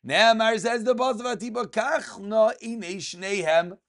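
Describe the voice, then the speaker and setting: High-pitched man teaching religious text. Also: unhurried, a bit bright. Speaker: rabbi teaching a daily class. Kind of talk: religious text lesson, reading and translating. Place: small furnished room indoors.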